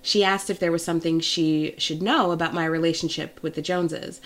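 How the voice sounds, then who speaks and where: A woman with a slightly low voice reads a romance novel in the first person. Her delivery is intimate and emotional, and she tells the story closely and warmly. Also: steady tone, fairly quick. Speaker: audiobook narrator.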